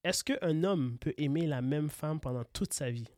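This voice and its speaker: A man's voice: on the high side, moderate pace, a little mellow, dry recording. A man with a Québécois accent hosting a casual couple's podcast late at night, joking and stammering, a bit tired. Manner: joking, stammering, playful boasting. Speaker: podcast host. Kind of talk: casual chat.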